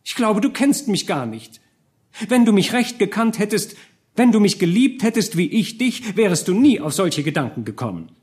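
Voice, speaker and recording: A man's voice: mid-range voice, animated, moderate pace, darkish tone, pitched above the performer's own voice, lightly acted. A man reading an audiobook, voicing a loving young noblewoman who is hurt and easily moved to tears, in a raised, pleading voice. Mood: indignant. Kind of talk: audiobook character voice.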